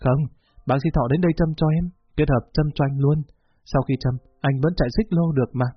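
Sick, resolute young woman in a storybook, voiced by a husky male reader, dull lo-fi sound. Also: on the high side, a little fast, no room sound. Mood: firm. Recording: dull lo-fi recording with faint music.

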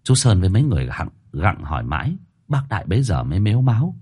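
A man tells a dramatic story with expressive emotion. His voice is husky and lowish, and it rises and falls widely. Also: quick pace.

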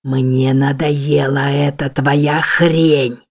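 A woman's voice: low voice, fairly even intonation. A woman voicing a raging monstrous man. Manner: slow, menacing, shouted. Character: brutal monstrous man, cold and cruel.

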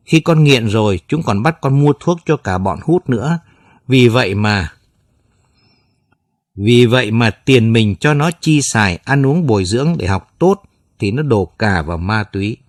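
A man's voice: mid-range voice, expressive, a little slow, no room sound, clean studio sound, lightly acted. A man voicing a remorseful teenage son who speaks in a subdued, crying voice.

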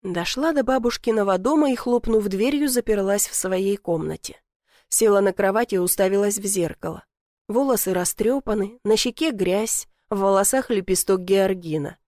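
A woman narrating a first-person audiobook in an expressive, wry way. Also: medium pitch, dry recording, studio quality. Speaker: audiobook reader.

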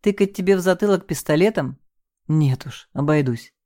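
A woman's voice: low-pitched, normal speed, dark tone, lightly acted. A woman reading the lines of a sardonic man who barks orders in a gunfight. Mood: gruff, mocking. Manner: mocking, terse, barks orders.

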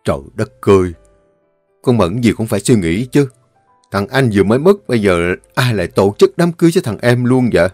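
A man voicing a stern, grief-stricken elderly father, scolding and shouting at his son. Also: fairly low pitch, expressive, brisk, no room sound, faint music behind.

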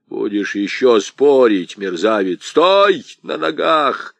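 A man's voice: on the low side, animated, takes it slowly, gravelly, sharp tone, dry recording, exaggerated voice. A male narrator voicing an enraged, brutal old man who barks savage threats. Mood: furious.

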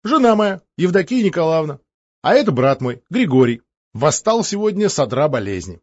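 A man voicing a boisterous, boastful middle-aged count in an audiobook, talking loudly with laughter in his voice. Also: fairly high pitch, very animated, moderate pace, no room sound, dull audio, pitched above the performer's own voice. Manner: loud, laughing, bragging. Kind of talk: audiobook character voice.

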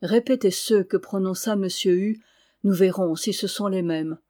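A woman reading the part of a nervous, secretive middle-aged man in an audiobook, quiet and trembling. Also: medium pitch, normal speed, lightly acted. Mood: anxious.

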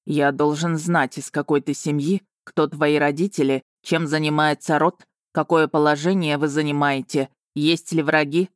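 A woman voicing a gruff, self-assured male dragon guardian, speaking low and slow in a mocking way. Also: flat delivery, no echo, clean studio sound, natural voice. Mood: steady, commanding.

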